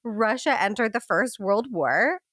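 A woman's voice: mid-range voice, expressive, unhurried, a bit bright. A woman co-hosting a comedic history podcast, reading from her notes with giggly asides.

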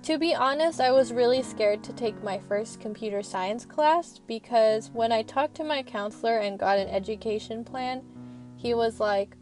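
A young woman student records a casual, rambling voice-over from her parked car. She talks in an earnest, frank way, her voice sitting a little high. Gentle music plays quietly under her. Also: moderate pace. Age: young adult. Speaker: student vlogger.

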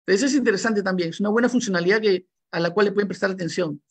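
A middle-aged man hosting a relaxed video call chat from a room at home, rambling with fillers and restarts. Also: high voice, very fast, breathy edge. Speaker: host. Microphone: laptop mic on video call.

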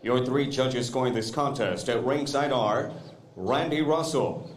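A man working as a boxing ring announcer, stretching out the fighters' names. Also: mid-range voice. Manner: drawn-out shouted fighter names. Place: convention center arena. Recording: echoey arena sound.

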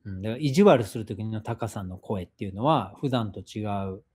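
A man's voice: fairly low pitch, lively intonation, fairly quick, a little mellow, breathy edge. Man reading out and answering viewer questions. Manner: reads a viewer's question aloud, then explains at length. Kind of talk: casual live-stream talk.

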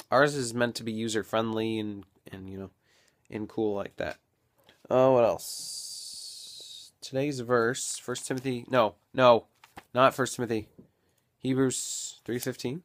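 A young man vlogging casually at home, rambling and thinking out loud into a built-in camera mic. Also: mid-range voice. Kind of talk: casual daily vlog.

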